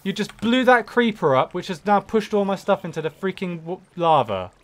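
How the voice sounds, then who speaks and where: A man's voice: sits high, lively intonation, moderate pace, a crowd in the background. A young man chatting casually as he plays a game, complaining in an exasperated, sweary way. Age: young adult. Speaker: gaming video co-host. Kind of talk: casual let's play chat.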